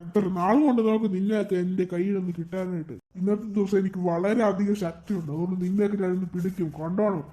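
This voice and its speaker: A man's voice: high voice, steady tone, quick pace, hardly any pauses, warm tone, natural voice. A man voicing a boastful, threatening cartoon monster that can turn into a cow. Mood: gloating. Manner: gloating, threatening. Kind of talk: cartoon voice acting.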